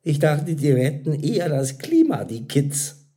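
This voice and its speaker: A calm, witty woman speaks with dry humor, as a man reading the story puts her on, voice lifted only slightly above his own. Her lines fall slow and lively in a read-aloud storybook. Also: on the high side, pitched above the performer's own voice. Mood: wry.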